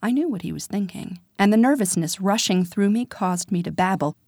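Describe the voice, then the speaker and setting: Soft-spoken woman narrating in breathy tones. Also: mid-range voice, lively intonation, brisk, no room sound, studio quality. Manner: soft and intimate, often dropping to a whisper. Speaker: audiobook narrator. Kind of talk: first-person storybook narration.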